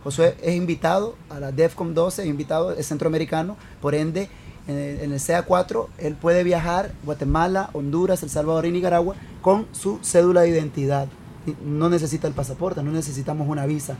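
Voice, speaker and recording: Male talk host, slightly high voice, conversational interviewer, faint background noise. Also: steady tone, brisk, darkish tone. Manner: conversational, asks pointed follow-up questions. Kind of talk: radio talk show hosting.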